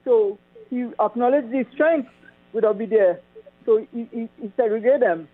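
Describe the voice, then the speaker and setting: A man with a Trinidadian accent, calling in to a radio show over a clipped phone line, talking in a halting way with many ums. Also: very high voice, dry recording. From Trinidad and Tobago. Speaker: caller. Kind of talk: call-in radio chat.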